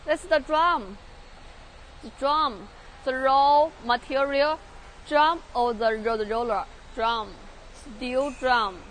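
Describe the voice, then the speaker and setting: A young Chinese woman touring a large factory workshop in halting English with a Chinese accent, repeating words and using many fillers, filmed on a handheld phone. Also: high voice, fairly bright tone, slight background noise. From China. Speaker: factory tour guide. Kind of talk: live factory tour walkthrough. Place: large industrial workshop and outdoor factory yard.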